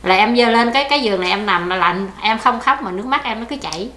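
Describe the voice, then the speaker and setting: A woman's voice: fairly high pitch, fast talker, pushed and bright. An older woman with a Southern Vietnamese accent, telling her life story in a plaintive, rambling way during an oral history interview. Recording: echoey room with faint background noise.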